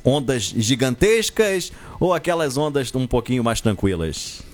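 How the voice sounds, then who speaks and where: A man hosting a live show, interviewing a guest in a lively, encouraging way. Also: medium pitch, measured pace. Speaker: show host.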